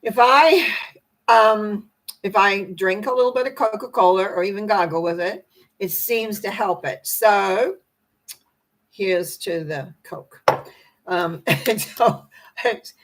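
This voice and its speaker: An older woman with a hoarse, croaky voice that cracks and needs clearing. She hosts a spiritual talk on personal growth, chatting in a loose, rambling manner. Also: medium pitch, takes it slowly, pauses often, poor audio. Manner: rambling, conversational. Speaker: host.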